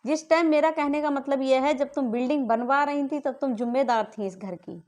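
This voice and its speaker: Indignant high-voiced woman ranting. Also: brisk, a little mellow. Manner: indignant, accusing, repeated rhetorical questions. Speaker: vlogger. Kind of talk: angry family-dispute rant to camera.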